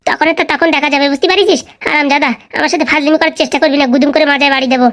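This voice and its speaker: A sharp-tongued village wife , played by a woman in a comedy skit, who fires off cutting scolds in a high voice at a racing pace. Every retort comes short and biting. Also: steady tone, very fast. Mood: scolding.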